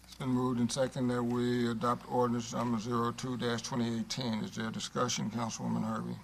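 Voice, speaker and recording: A man serving as mayor, running a council meeting in a brisk, businesslike, formulaic way. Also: medium pitch, little pitch movement, rough recording. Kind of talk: formal meeting procedure. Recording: clear background room noise.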